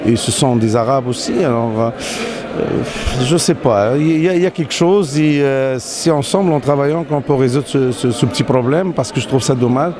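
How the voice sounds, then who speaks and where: A man's voice: medium pitch, a little fast. Moroccan man, hesitant, crowd noise behind. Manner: hesitant, many fillers and restarts. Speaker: interviewee, company CEO. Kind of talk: casual interview conversation. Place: outdoors in a city.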